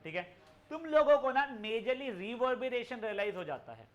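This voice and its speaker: A man's voice: very high-pitched, expressive, moderate pace, highs cut off. A young man teaching a physics class online, explaining in chatty mixed Hindi and English and addressing students affectionately. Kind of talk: live online class lecture.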